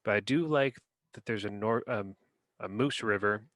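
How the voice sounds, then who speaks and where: Guy goofing around rating dictionary words, kinda low voice, dry room. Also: moderate pace, fairly bright tone, dry recording. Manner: playful, rambling, reads definitions aloud. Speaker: podcast co-host.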